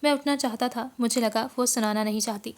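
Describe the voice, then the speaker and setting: Woman audiobook narrator, slightly high voice, measured expressive storytelling. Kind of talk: scripted novel narration.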